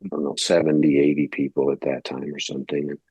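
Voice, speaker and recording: A very deep, husky man from Detroit speaks in a dry, close recording with no room sound. He is a pastor telling his story in a relaxed, rambling way and acts out what other people said. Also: quick pace, no room sound. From United States (Detroit, Michigan). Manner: conversational, rambling, acts out quoted dialogue. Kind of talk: casual interview storytelling.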